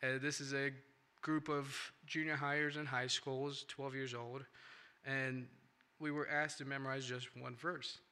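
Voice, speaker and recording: A bright-voiced young man from India, whose first language isn't English, gives a personal testimony at church through a handheld or stand mic. His medium-pitched voice barely moves in pitch, and he speaks a little slowly with a clear, resonant tone. He comes across as earnest, rambling, restarting sentences and adding "right?" tags.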